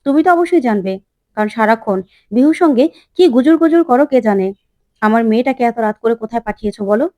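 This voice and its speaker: A woman's voice: a little high, lively intonation, quick pace, warm tone, dry recording, lightly acted. A woman reading the lines of a worried, unwell father in a retold TV serial, insistent and stubborn. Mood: anxious.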